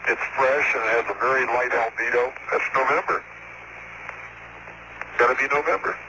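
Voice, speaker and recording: A man's voice: medium pitch, fairly even intonation, moderate pace. A male astronaut talking over a space radio link, mixing clipped technical callouts with casual observations. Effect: space radio transmission. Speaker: astronaut driving a lunar rover. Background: radio static and noise.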